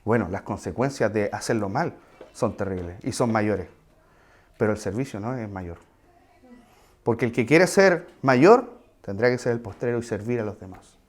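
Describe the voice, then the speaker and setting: A man's voice: fairly low pitch, expressive, normal speed. A man preaching a sermon in a conversational way, with asides and questions to the congregation.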